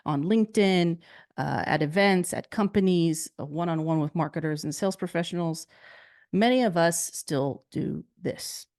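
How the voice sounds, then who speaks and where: A woman giving a conference keynote on marketing, telling a story in an animated way with rhetorical questions. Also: lowish voice, moderate pace, no room sound, clean studio sound. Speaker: marketing speaker.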